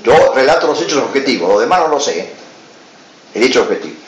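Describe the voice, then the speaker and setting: A man's voice: mid-range voice, sing-song, fast talker. Man with an Argentine accent, echoey lecture. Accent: Argentine Spanish. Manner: tells anecdotes, acts out dialogue, adds "¿eh?" asides. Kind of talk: storytelling conference talk. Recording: roomy, dull lo-fi recording with faint hiss.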